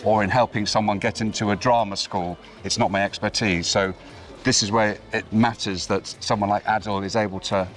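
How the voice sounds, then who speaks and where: Low-voiced assured middle-aged man. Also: steady tone, fairly bright tone. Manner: measured, assured, explanatory. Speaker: former headteacher and admissions advisor. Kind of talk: conversational interview. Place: outdoors on city streets.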